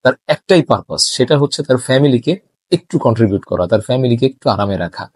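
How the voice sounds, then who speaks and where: A man's voice: mid-range voice, lively intonation, fast talker, breathy edge, no room sound, clean studio sound. A man giving earnest, sympathetic voice-over commentary in long, listing sentences. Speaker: vlogger commentator.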